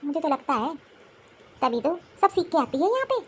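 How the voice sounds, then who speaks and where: A woman's voice: high-pitched, very animated, normal speed. Woman voicing a bossy old mother-in-law. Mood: grumbling. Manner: scolding, nagging. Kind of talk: animated cartoon voice acting.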